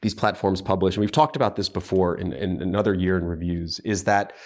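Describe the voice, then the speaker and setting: A man with a fairly low voice co-hosts a podcast. He talks through material in a casual, analytical way, with thoughtful pauses and plenty of fillers. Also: steady tone, a little mellow. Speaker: podcast co-host.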